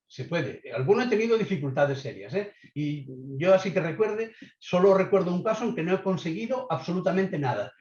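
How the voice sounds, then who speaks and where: Male webinar lecturer, measured and instructive, tags his points with quick checks, roomy and dull call audio. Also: high voice, darkish tone. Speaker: webinar speaker on leadership. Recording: echoey, slightly dull online audio.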